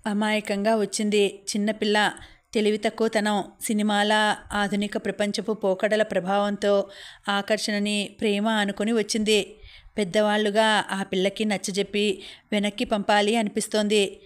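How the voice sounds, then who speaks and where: Woman narrating an audiobook in a flat voice. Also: mid-range voice, normal speed. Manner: steady, even reading. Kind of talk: scripted story narration.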